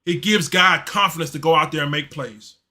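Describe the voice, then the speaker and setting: A man hosting a casual live-stream sports show, talking in a loose, slangy, animated way and reading chat messages aloud. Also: on the high side, brisk. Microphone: streaming mic.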